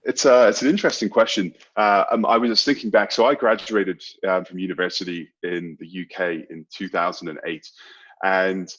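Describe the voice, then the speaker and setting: This man's voice sits low, steady and a bit bright, at normal speed, recorded with lo-fi sound. In his thirties and from Bermuda, the sales executive chats casually as an interview guest, his British accent colored by American and Australian sounds.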